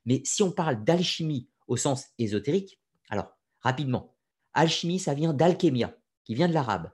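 A man's voice: fairly high pitch, animated, normal speed, husky. Man lecturing with frequent hesitations. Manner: explanatory, hesitant with frequent fillers and restarts; addresses listeners directly, opinionated asides. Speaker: lecturer on occult history. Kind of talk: unscripted video lecture.

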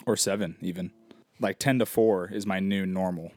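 Male co-host, lower pitch, easygoing and curious, dry close recording. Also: steady tone, normal speed, darkish tone, dry recording. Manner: easygoing, asks curious questions. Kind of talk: casual chat.

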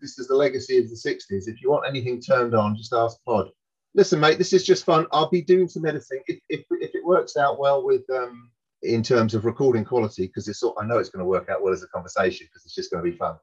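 Husky-voiced older man, dull call audio. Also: mid-range voice, fast talker. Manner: chatty, swears casually, laughs easily. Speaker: podcast host. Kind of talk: casual video-call interview. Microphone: condenser mic over a video call.

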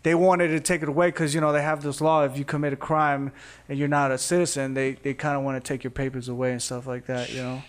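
A man's voice: mid-range voice, level tone, fast. A man from Costa Rica, a guest artist in a casual podcast chat, talking in a loose, candid way with lots of fillers.

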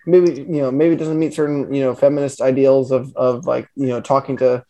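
A man's voice: medium pitch, level tone, fairly quick, warm tone. A man co-hosting a podcast in casual chat, rambling with many fillers and restarts. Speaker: podcast co-host.

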